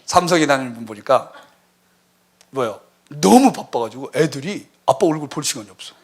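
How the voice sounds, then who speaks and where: A man in his forties, a missionary preaching a lively sermon in a church, telling stories and acting out the voices in them. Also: medium pitch, normal speed, slightly rough. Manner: animated storytelling, acting out quoted voices.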